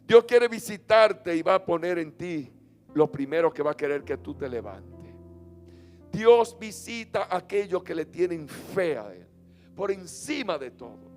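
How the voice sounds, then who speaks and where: A man preaching a sermon as pastor, leading call-and-response and swinging from loud chanted lines to soft low ones. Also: sing-song, unhurried. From Dominican Republic. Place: church sanctuary. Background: faint instrument music.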